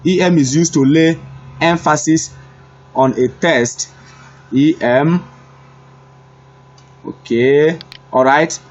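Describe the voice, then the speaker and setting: A man giving a screen-recorded web development lesson, unhurried and repetitive, thinking aloud as he types. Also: on the high side, muffled recording. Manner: unhurried, repeats himself, thinks aloud while typing. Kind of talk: screen-recorded coding tutorial.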